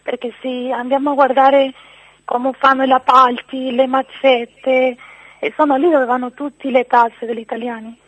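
A woman's voice: sits high, little pitch movement, normal speed, no echo. A woman with a foreign accent giving her opinion as a caller on a radio phone-in, over a phone line. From outside Italy. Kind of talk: spontaneous opinion call. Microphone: phone call. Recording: narrow, tinny phone line.

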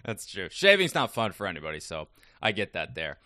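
A man's voice: deep voice, wildly swooping pitch, fairly quick, pushed and bright, no room sound, studio quality. A man interviewing a guest, asking chatty, upbeat questions.

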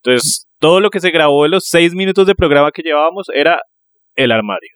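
A man's voice: on the high side, lively intonation, quick pace, fairly bright tone, dry recording, clean studio sound. A Colombian man from Neiva, co-hosting a podcast in casual, joking, slangy chat on a phone mic. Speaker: podcast co-host.

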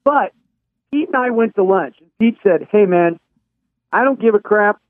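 A man hosting a radio show, telling stories in a relaxed, casual way. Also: high voice, normal speed, no echo. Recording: phone-like radio sound.

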